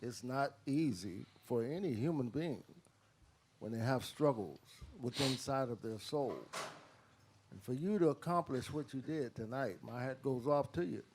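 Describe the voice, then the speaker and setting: A man speaking as a reporter at a press conference, formal and respectful, with deliberate phrasing. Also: mid-range voice, animated, noisy background. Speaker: reporter asking a question.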